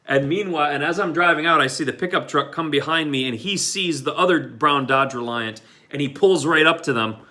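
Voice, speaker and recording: Rambling through a casual personal story, a Michigan man talks briskly with few pauses in a slightly high, sharp-toned voice. He leans on fillers and restarts and acts out the quotes.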